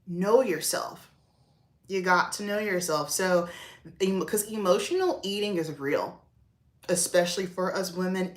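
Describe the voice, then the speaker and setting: Woman, lowish voice, casual livestream chat, preachy asides, echoey room. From American South. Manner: chatty, preachy asides, addresses viewers as y'all. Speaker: makeup artist and livestream host. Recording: roomy echo.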